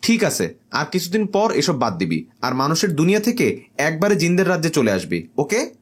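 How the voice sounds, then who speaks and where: A man's voice: on the high side, huge pitch swings, normal speed, slightly rough, pitched above the performer's own voice, heavily acted. A man voicing a stern jinn father scolding his son, in a storybook comedy.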